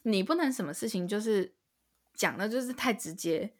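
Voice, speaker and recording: A woman's voice: medium pitch, expressive, normal speed. A young woman, co-hosting a casual podcast chat and venting in an exasperated, ranting way. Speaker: podcast co-host.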